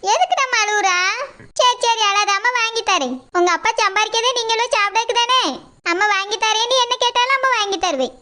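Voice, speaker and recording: Comic skit: a scheming daughter-in-law who mutters sarcastically, played by a woman, very high and sharp. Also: a little fast. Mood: scolding. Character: scheming, grumbling young daughter-in-law and mother.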